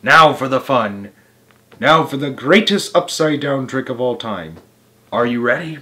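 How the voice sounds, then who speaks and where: A man voicing a bossy, excitable monkey father who shouts urgent commands in a children's storybook. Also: mid-range voice, measured pace. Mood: gleeful. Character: bossy, frenzied monkey father leading a revenge trick.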